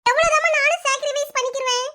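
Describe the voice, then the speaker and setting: Shrill jealous big sister, cartoon, southern Tamil Nadu accent, voiced by a woman. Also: fairly even intonation, fast, sharp tone. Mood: whiny. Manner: shrill, complaining, sulky. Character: whiny jealous teen older sister. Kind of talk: cartoon voice acting.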